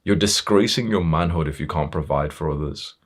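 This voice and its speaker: A man's voice: rumbling low, brisk. A man giving a blunt, confrontational motivational talk, swearing freely and building intensity through restarts and fillers. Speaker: motivational speaker.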